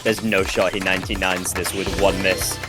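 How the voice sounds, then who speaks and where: Young male caster, lowish voice, rambling and self-mocking, loud music behind. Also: moderate pace. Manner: rambling, self-mocking, bursts into excited shouts. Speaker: solo tournament caster. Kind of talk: excitable esports commentary. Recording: streamed commentary over loud game music.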